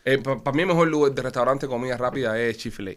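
A man's voice: medium pitch, rapid-fire. A man hosting a casual podcast, joking and laughing often. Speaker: podcast host. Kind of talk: casual banter.

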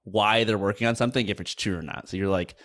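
A man in his early thirties hosts a casual interview, chatty and quick to laugh. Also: fairly low pitch, fairly even intonation, fairly bright tone. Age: 30s. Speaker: interview host.

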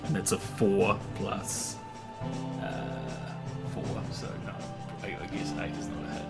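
Guy playing dnd, lowish voice, describing his moves, music really loud. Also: level tone, unhurried. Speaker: player in a tabletop game podcast. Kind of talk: casual game talk, describing his character's actions. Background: loud background music.

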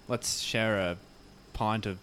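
A man's voice: fairly low pitch, fairly even intonation, takes it slowly, a bit bright, a little hiss or hum. An Australian man co-hosting a casual chat, rambling and joking with loose, sweary talk. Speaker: podcast co-host.

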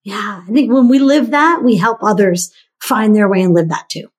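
A woman's voice: medium pitch, moderate pace. A woman guest on a podcast interview, speaking in a heartfelt, affirming, casual way.

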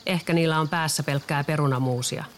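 A small magical fox companion from a children's storybook, voiced by the reader speaks noticeably softer than the narration. It delivers its lines in a dry, understated way. It keeps its wit quiet. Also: mid-range voice, steady tone, a little hiss or hum, close to an everyday voice.

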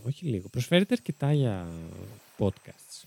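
Guy cohosting a podcast, chill and chatty, mellow voice, bouncy intonation. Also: medium pitch, dry recording. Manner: relaxed, chatty, often restarts mid-thought. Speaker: podcast co-host. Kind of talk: casual podcast chat.

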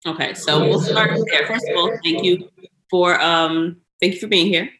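Casual woman podcast host, low voice. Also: normal speed, over a noisy crowd. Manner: casual, profane, conversational. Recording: roomy echo.

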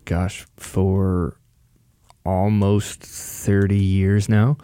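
Low, mellow-voiced man in his forties. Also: level tone, drawn-out words, clean tone, dry recording, studio quality. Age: 40s. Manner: joking, thoughtful, with fillers. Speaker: podcast guest. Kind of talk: casual chat.

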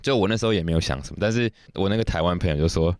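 A man's voice: sits low, very fast, clear, resonant tone, no echo, clean studio sound. A young man from Taiwan with a Taiwanese accent, telling stories in a casual podcast chat. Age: young adult.

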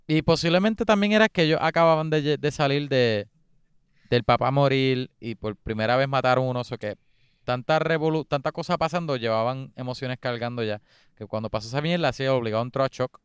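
A man chatting casually about a film, relaxed, laughing often and losing track of scenes. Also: mid-range voice, fairly quick, clear, resonant tone, dry recording, studio quality. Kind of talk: casual chat reviewing a film.

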